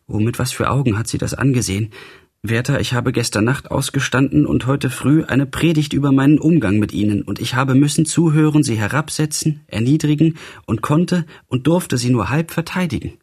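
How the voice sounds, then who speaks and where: Tearful young noblewoman, pleading and earnest, lifted higher than the reader's own husky voice, as a male narrator puts her on. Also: normal speed, a little mellow, natural voice. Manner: pleading, emotional. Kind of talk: literary audiobook reading.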